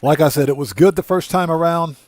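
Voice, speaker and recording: Chatty man streaming games, slightly high voice. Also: brisk, darkish tone, no room sound. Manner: chatty, repeats himself for emphasis. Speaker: live stream host. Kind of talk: casual live game commentary, chatting with viewers.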